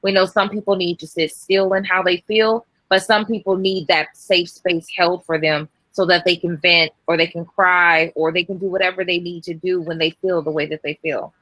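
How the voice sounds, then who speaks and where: A woman hosts a discussion, asking long, measured questions. Her voice is bright and clear, a little low for a woman, and recorded dry. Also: flat delivery, no room sound, rough recording. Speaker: host. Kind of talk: podcast discussion.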